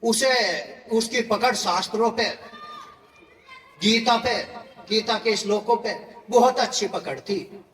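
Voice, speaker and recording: High-voiced preacher telling a story in a hall. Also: male voice, takes it slowly, fairly bright tone. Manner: conversational, chuckling storyteller. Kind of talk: devotional storytelling sermon. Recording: echoey hall from far off.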